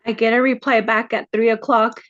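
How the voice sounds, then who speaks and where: A woman's voice: flat delivery, fairly bright tone, no room sound, lo-fi sound. Upset woman telling her troubles. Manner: halting with many fillers, rising high when upset. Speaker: counseling client. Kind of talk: emotional retelling in a counseling session.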